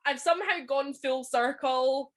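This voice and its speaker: A woman's voice: high voice, a bit bright. A Scottish woman co-hosting a podcast, chatting casually and emphatically, with frequent swearing and filler words. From Scotland. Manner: swears freely, quick emphatic asides with many "like" fillers. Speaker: podcast co-host. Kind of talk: casual chat.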